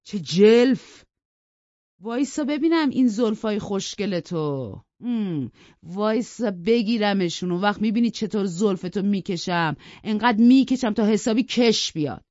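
A reader voicing a bullying, hot-tempered young man who taunts loudly, in a storybook reading. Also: medium pitch, expressive, no echo, pitched above the performer's own voice, natural voice. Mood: taunting. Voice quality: loud, taunting. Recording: dull lo-fi dry recording.

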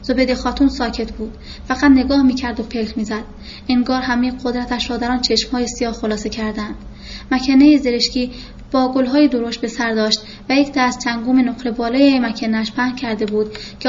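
A woman narrating a first-person novel in a reflective, measured way, in a muffled recording with faint hiss. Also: a little high, steady tone, a little mellow. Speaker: audiobook narrator.

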